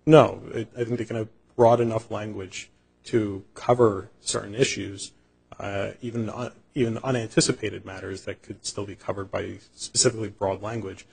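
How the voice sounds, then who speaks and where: A male attorney making a formal, measured oral argument in a courtroom. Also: fairly low pitch, flat delivery, vocal fry, a little mellow, breathy edge, poor audio. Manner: formal and measured, repeatedly says "Your Honor". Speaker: attorney arguing before an appeals court.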